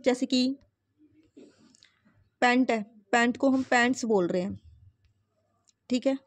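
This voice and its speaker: A woman with a fairly high voice teaching English grammar in Hindi. She explains step by step, asks questions and answers them herself, and reads the English example sentences out slowly. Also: a little mellow.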